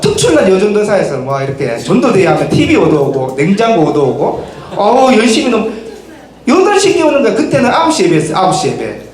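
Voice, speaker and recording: A man preaching to teenagers as their pastor, questioning them directly and acting out quotes in a lively way. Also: sits high, fast talker. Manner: lively, asks the youth many direct questions and acts out quotes. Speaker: pastor preaching to a middle school summer Bible school. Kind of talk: sermon to teenagers. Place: church worship hall. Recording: very echoey hall, faint noise.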